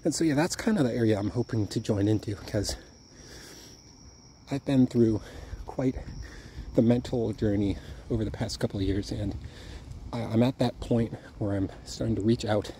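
Man in a casual walking vlog, winded, thinking aloud; lowish, dark tone, light background noise. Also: moderate pace. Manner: rambling, thinking aloud with restarts. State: out of breath. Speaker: YouTuber. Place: outdoors at night on a walk.

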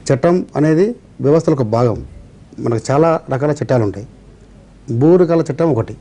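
A man's voice: mid-range voice, fairly quick, warm tone. A man with a Telugu accent, a revenue officials' representative on a TV debate, explaining measuredly and citing laws and history.

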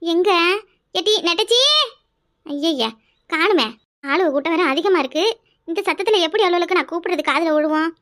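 A woman voicing a loud, quarrelsome middle-aged village woman in a cartoon, with a scolding, rapid-fire way of talking. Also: extremely high pitch. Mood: grumbling. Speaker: cartoon character. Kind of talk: cartoon voice acting.

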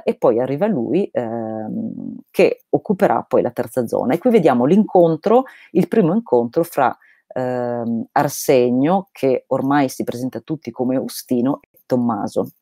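Warm-toned woman teacher reading aloud. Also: extremely low pitch, no room sound, studio quality. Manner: steady, measured reading with hesitation fillers. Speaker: Russian literature teacher. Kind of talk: lecturing and reading a novel aloud. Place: home over a livestream.

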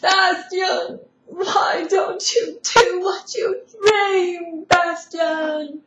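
Woman putting on a breathy child empress. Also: sits high, fairly even intonation, drawn-out words, roomy sound, dull audio. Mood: pleading. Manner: overwrought, sobbing delivery.

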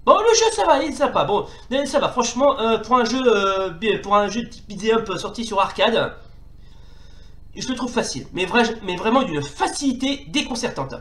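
A man with a fairly high voice narrates his run through a retro arcade brawler, getting worked up and telling off the enemies as he stammers and restarts his sentences. The sound is roomy, with a clear echo off the walls. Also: normal speed. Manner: excitable, scolds enemies out loud, stammers and restarts. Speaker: retro gaming YouTuber. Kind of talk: let's play commentary.

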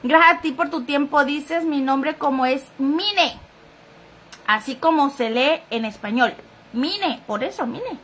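High-voiced woman gossiping live. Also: moderate pace, few pauses, a bit bright, slight background noise. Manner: chatty, talking straight to viewers. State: sniffly, runny nose. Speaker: live-stream gossip host. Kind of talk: casual chat reading viewer comments.

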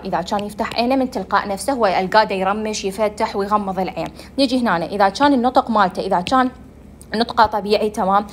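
Fast-talking Iraqi woman lecturing. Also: mid-range voice, a little hiss or hum. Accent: Iraqi Arabic. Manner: explains step by step, asks and answers her own questions, mixes English terms. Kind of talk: medical lecture.

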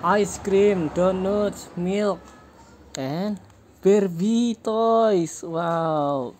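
A woman's voice: mid-range voice, drawn-out words, a little mellow. A woman filming a toy show-and-tell vlog, exclaiming "wow" as she names each toy in short bursts. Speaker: toy unboxing vlogger. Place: indoors on a tiled floor. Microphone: phone camera held over toys. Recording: noisy phone recording.

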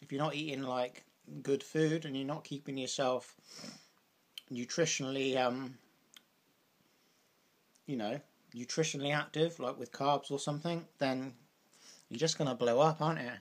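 A man's voice: medium pitch, steady tone, normal speed, long pauses. A young British man vlogging over a meal, rambling casually with lots of "like" and "you know". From Britain. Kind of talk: casual chat while eating.

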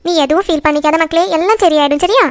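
A woman voices a comforting cartoon grandmother whose voice sits very high and rushes quickly. She steadies the family with reassurance, not scolding. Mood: reassuring.

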